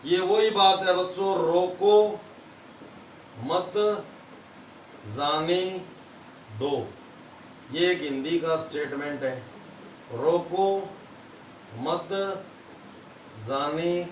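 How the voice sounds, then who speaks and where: A man with a Rajasthani Hindi accent teaching a school science class, explaining slowly and repeating points for the students. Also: fairly high pitch, fairly bright tone, a little hiss or hum. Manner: slow, repetitive explaining to students. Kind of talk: classroom lesson. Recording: echoey room, mic far off.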